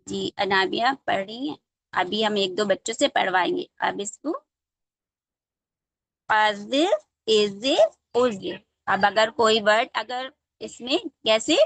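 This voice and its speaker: A woman teaching young students letter pronunciation over a video call, drawing out each sound slowly and checking that they follow. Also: a little high, pushed and bright, no room sound. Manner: slow, drawn-out demonstrations of letter sounds. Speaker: online Quran recitation teacher. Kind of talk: patient online class teaching.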